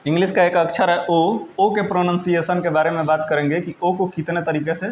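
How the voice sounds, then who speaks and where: A male teacher giving a patient, repetitive lesson, often checking that students follow and spelling words out slowly letter by letter. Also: on the high side, little pitch movement. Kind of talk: classroom-style lesson in Hindi. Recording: roomy, dull lo-fi sound with faint noise.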